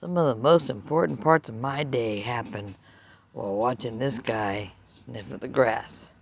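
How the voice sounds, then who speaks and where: A woman's voice: extremely low pitch, a little slow, gravelly, highs cut off, slight background noise. An older woman in a casual outdoor vlog, chatting unhurriedly and talking to her dog between remarks. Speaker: vlogger.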